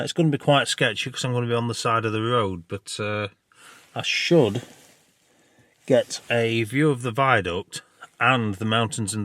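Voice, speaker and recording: A man's voice: mid-range voice, a bit bright, dry recording. A British man giving casual, chatty narration for a photography vlog. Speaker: landscape photographer and vlogger. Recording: faint background noise.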